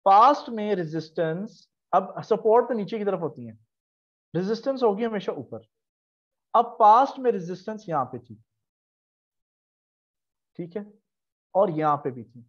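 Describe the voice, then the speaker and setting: A man's voice: high voice, lo-fi sound. A man teaching a live online class. He explains step by step, asks questions and then answers them himself, and he repeats key terms in chanting lists. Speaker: trading instructor.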